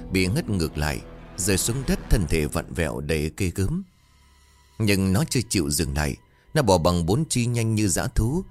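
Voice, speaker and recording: A man narrating a horror story in a dramatic, suspenseful way. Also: deep voice.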